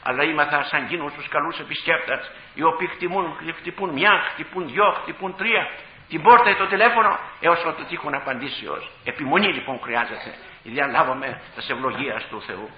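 A man preaching a dramatic sermon as a bishop, rising to loud exclamations and dropping to hushed tones, recorded in a church. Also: a little high, roomy sound, highs cut off, slight background noise.

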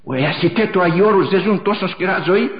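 Impassioned middle-aged male preacher, echoey. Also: high voice. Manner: impassioned, repetitive, swings from loud to hushed. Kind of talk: sermon. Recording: echoey, dull lo-fi recording.

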